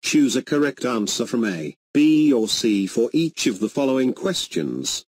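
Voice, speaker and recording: A man reading scripted exam instructions in a formal, measured announcer's manner. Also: mid-range voice, very animated, darkish tone, no room sound.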